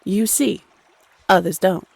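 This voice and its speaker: A woman's voice: mid-range voice, slow pace, vocal fry, slightly rough, dry recording, exaggerated voice. A woman playing a playful, teasing Cupid, a bossy love goddess who chats sassily and uses pet names in an audio roleplay. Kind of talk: scripted audio roleplay addressed to the listener.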